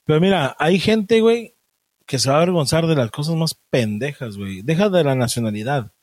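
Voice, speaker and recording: Man, podcast host, high voice, dry mic, crude and teasing. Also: animated, a little fast, a little mellow, no room sound. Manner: crude, teasing, swears a lot. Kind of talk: casual comedic chat.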